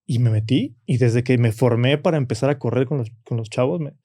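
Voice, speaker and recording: A man with a Mexican Spanish accent tells personal stories in a dark, mellow voice. He talks loosely, leans on "¿no?" and "o sea", and slips into the voices of people he quotes. The recording is dry and close. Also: mid-range voice, brisk, no room sound. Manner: frequent "¿no?" and "o sea" tags, acts out quoted voices. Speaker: podcast guest. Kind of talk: casual conversational storytelling.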